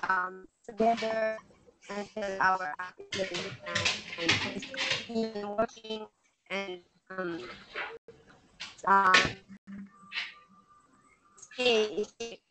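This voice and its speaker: A woman, a team leader, giving a hesitant greeting with many pauses over an online call whose audio keeps breaking up. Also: mid-range voice, low-quality recording. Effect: call audio breaking up over a bad connection. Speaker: team leader joining a webinar. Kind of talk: brief greeting on a web call. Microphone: remote online call connection.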